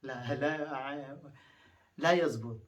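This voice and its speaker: A Pashto-speaking man from Afghanistan teaches phrases in a lesson, his medium-pitched voice slow and far from the mic. He repeats each phrase several times and explains it patiently.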